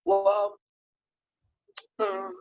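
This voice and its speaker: A woman guest telling a personal story in an earnest, reflective way with pauses, on a video call. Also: very high-pitched, very animated, creaky, a little mellow, no echo, dull audio. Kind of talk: personal testimony in an online talk show.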